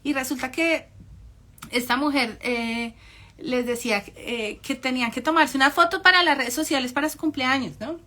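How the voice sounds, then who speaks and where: A woman's voice: high-pitched, normal speed, sharp tone. A woman giving an informal, conversational talk on narcissistic parents, often ironic and acting out the voices she quotes. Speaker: psychology speaker.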